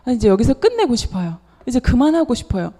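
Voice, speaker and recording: A woman's voice: fairly high pitch, very animated, fast, warm tone, big-room sound. A woman voicing a worn-out pleading prophet. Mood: weary pleading. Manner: pleading, exhausted. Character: weary despairing male prophet pleading with God.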